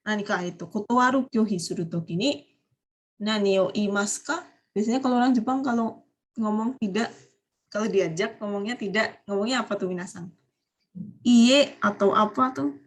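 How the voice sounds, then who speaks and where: A woman's voice: mid-range voice, a little fast. A woman teaching a vocabulary lesson over a video call, explaining patiently, quizzing her students and mixing Japanese words into her talk. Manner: explains patiently, often asks students questions.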